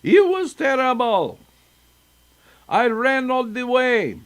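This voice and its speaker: A man's voice: very high-pitched, sing-song, takes it slowly, clear, resonant tone, pitched above the performer's own voice, exaggerated voice. A man voicing a frightened male village schoolteacher in a folktale, gasping as he talks. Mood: panicked. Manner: gasping, panicky.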